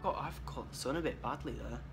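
A man's voice: mid-range voice, fast talker. A man in his late teens chatting casually to his vlog, recorded on a phone held at arm's length. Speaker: vlogger. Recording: phone vlog with music over it.

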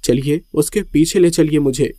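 A man's voice: fairly high pitch, normal speed, dark tone, dry recording, clean studio sound, natural voice. A man voicing a frightened elderly grandmother who stammers anxiously. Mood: frightened pleading.

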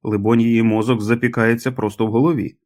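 A man reading an audiobook aloud as the narrator, in a measured, dramatic manner. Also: medium pitch, flat delivery, darkish tone. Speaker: audiobook reader.

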